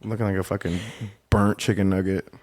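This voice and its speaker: A man's voice: deep voice, little pitch movement, fast, darkish tone. A man co-hosting a casual podcast, joking dramatically, swearing often and laughing a lot. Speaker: podcast co-host. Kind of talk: casual chat.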